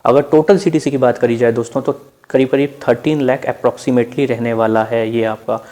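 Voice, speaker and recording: This exam prep presenter, a man with an Indian accent, narrates slides casually, addressing his audience as friends and slipping in English terms. His voice is mid-range and dark, with fairly even intonation and a moderate pace.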